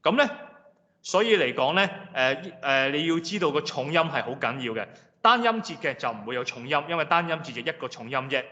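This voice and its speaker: A man lecturing a class in a patient, explanatory way, slowly repeating example words. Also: fairly high pitch, sharp tone. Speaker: language lecturer. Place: lecture room. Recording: reverberant hall, dull lo-fi sound.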